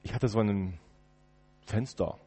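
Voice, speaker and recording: A man's voice: lowish voice, slow, husky. Dramatic male preacher in an echoey church. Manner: dramatic, swinging between loud outbursts and hushed murmurs. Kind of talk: first-person dramatic sermon monologue.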